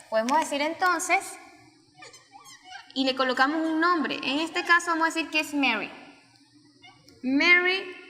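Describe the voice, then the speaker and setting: A Venezuelan woman who teaches English as a Spanish speaker walks through grammar step by step in a recorded lesson, slowly repeating the key forms. Her voice is high-pitched, pushed and bright, and the recording has a long reverb with a roomy sound.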